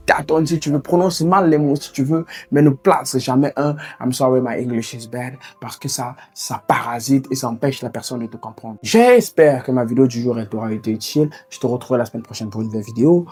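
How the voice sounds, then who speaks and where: A man talks straight to camera in a motivational video lesson, encouraging his viewer and pressing his point. His voice is warm and dark, with a husky grain to it. Faint music plays softly behind him. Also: fairly high pitch. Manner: speaks directly to the viewer, encouraging and insistent. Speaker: online English coach.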